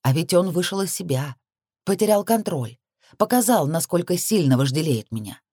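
A woman reading a first-person audiobook, steady and rising sharply on tense phrases. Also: fairly low pitch, normal speed, breathy edge, no echo, studio quality. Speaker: audiobook narrator.

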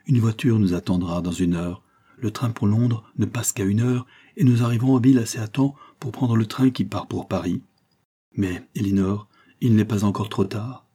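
Man doing a suave guardian, measured, persuasive, low, dark, audiobook. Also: steady tone, husky. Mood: smooth. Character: suave male guardian and lawyer. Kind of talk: audiobook character reading.

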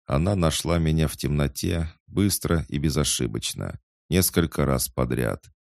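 A stern commander gives measured, authoritative orders, voiced by a male narrator. The voice is very deep with a gravelly rasp. It is recorded close and dry. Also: darkish tone, no room sound.

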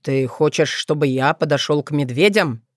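A woman voicing a wary, exasperated young man in an audiobook, lowering her voice for him. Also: normal speed, no room sound, clean studio sound, natural voice. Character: young man, nervous, easily startled.

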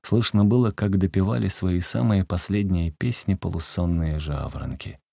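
Male narrator for a classic story, deep, dark, gravelly, steady and measured. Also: no room sound, clean studio sound. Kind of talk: literary storytelling.

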